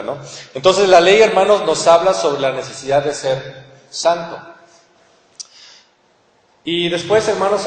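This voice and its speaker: A man with a Mexican accent preaching a sermon as pastor, earnestly asking his listeners rhetorical questions. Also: fairly high pitch. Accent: Mexican Spanish. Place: church hall. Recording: echoey church hall with long reverb.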